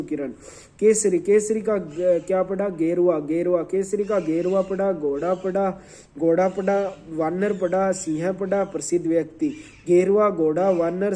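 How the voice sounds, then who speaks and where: A male teacher runs a brisk revision drill in a fairly high voice. He repeats each word list several times and poses questions he then answers himself. He spells out English words letter by letter. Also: mellow. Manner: drilling word lists by repetition, asking and answering his own questions. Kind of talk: exam revision lesson.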